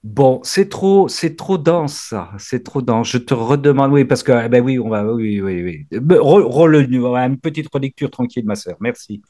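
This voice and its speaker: A man's voice: medium pitch, animated, moderate pace, hardly any pauses, warm tone. A man leading a spiritual reading group, effusive, exclaiming often and stumbling into restarts as he talks. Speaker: prayer group leader.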